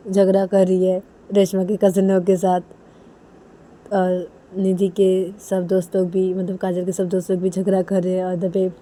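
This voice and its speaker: A woman's voice: medium pitch, mellow. A woman narrating a romance story casually, linking scenes with repeated "then" phrases. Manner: repetitive linking with "तो तभी".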